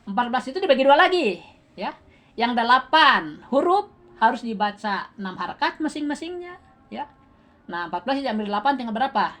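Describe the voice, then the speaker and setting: A woman's voice: fairly high pitch, very animated, brisk, a bit bright. Sundanese-accented woman teaching recitation. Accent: Sundanese-tinged Indonesian. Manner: quizzes students, counts beats aloud, laughs often. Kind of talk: classroom lesson.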